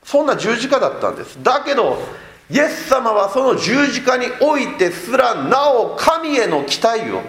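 A man preaching a sermon as a pastor, swinging between loud emphatic lines and soft low asides. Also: big pitch swings, normal speed, roomy sound.

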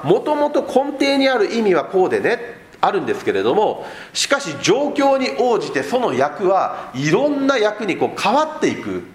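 A man preaching a sermon as a pastor, explaining the text and asking rhetorical questions of the congregation. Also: high voice. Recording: echoey room.

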